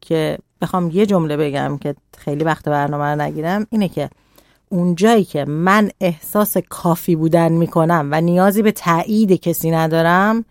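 A woman talking calmly as a radio guest, explaining parenting and boundaries in a measured way. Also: deep voice, dry recording.

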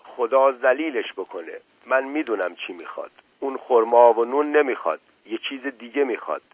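A man voicing a frightened, suspicious village man who shouts accusations, heard on a tinny radio recording. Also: medium pitch, expressive, breathy edge, no echo.

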